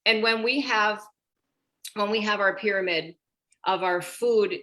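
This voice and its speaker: A woman in her sixties, working as a women's health coach, chats animatedly on a group video call in a mid-range voice at a measured pace. She talks straight to the group, calling them "you guys."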